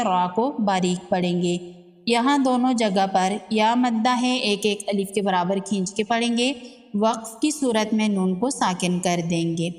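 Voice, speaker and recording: A woman teaching Quran recitation rules step by step, explaining each rule calmly and reciting verses slowly with drawn-out sounds. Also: medium pitch. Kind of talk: tajweed lesson with slow recitation. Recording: long reverb.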